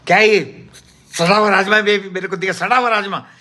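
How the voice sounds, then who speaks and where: Man doing a loud, indignant diner. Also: high-pitched, fairly even intonation, normal speed. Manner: loud, complaining. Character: indignant male restaurant customer, newly married.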